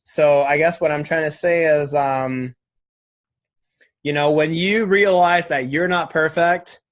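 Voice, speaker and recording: A man's voice: fairly high pitch, steady tone, unhurried. A man in his twenties, a guest in a casual interview, talking candidly and reflectively, with lots of "like" and "right?". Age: 20s.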